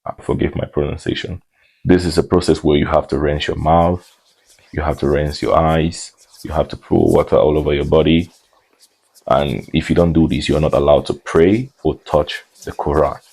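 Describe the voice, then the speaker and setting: A man telling a story in a laid-back storytime way, dropping joking asides into an eerie retelling. His voice is extremely deep and gravelly. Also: fairly even intonation, moderate pace, darkish tone, low-quality recording. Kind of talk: casual storytime narration.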